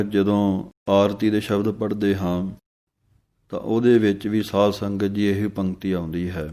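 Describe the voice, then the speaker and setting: A man teaching how to pronounce scripture. He recites lines slowly and deliberately, then explains where each pause falls. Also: fairly low pitch, darkish tone. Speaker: Gurbani pronunciation teacher. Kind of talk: slow, careful recitation lesson.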